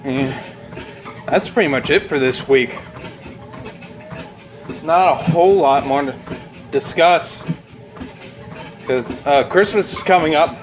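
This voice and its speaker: A man's voice: on the high side, takes it slowly, long pauses, rough recording. Young man rambling while walking on a treadmill. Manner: rambling, blunt, frequent swearing. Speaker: video blogger. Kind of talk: casual unscripted chat to camera.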